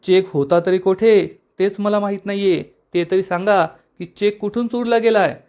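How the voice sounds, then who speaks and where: A scheming, sharp-tongued young wife, put on by a man narrating. She taunts in a raised, quick voice. The tone is a notch higher than plain talk. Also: steady tone, dull audio. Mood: shocked. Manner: taunting, fast mocking delivery.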